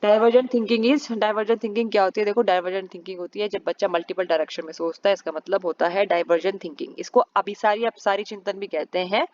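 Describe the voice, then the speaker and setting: Woman teacher doing exam prep at home, reads the question slow then explains fast, mid pitch, muffled lo-fi sound. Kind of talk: recorded exam-prep lesson. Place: home, festival firecrackers outside.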